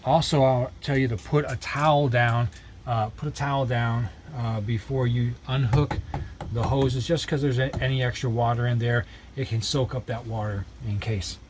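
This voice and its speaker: A man with a medium-pitched voice presents a casual repair tutorial. He speaks to viewers in a folksy, halting manner. It is recorded inside a small trailer with noticeable noise behind him. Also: steady tone, darkish tone. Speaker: host of an RV living how-to vlog. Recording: clear background noise, location sound.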